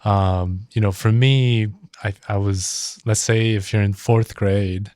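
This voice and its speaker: A man's voice: fairly low pitch, steady tone, slow pace, darkish tone, no echo, studio quality. A modest, slightly hesitant man from South Korea, a dentist guest chatting in an interview. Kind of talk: casual interview chat.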